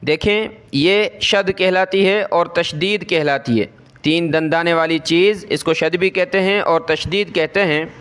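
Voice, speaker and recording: A man with a Pakistani Urdu accent giving a Quran reading lesson, explaining quickly and then drawing out each letter sound slowly. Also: fairly high pitch, a bit bright, clear, resonant tone. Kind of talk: spoken lesson, spelling out Arabic letters.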